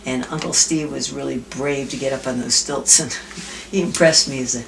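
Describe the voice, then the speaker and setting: An older woman with a low, cheerful voice tells family stories and jokes at a reunion, laughing easily between lines. She sits some way from the mic, and a faint hum of noise runs underneath. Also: steady tone, normal speed, gravelly, distant mic. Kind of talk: casual storytelling with jokes.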